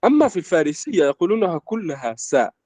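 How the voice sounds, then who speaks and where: A young man from Egypt, a language student in an interview, explaining at a measured pace with lots of filler words. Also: on the high side, sing-song, a little mellow, dry recording. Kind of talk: casual conversation in formal Arabic.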